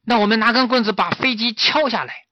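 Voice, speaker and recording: A man voicing a band of eager, chattering little monkeys in a spoken children's story, with high excited questions. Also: fairly quick, no room sound. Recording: slightly muffled dry recording.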